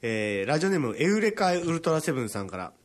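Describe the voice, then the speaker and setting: Lively, laughing male radio host. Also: a little high. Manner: fast, laughing often, playful teasing. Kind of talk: comedy radio talk, reading listener submissions.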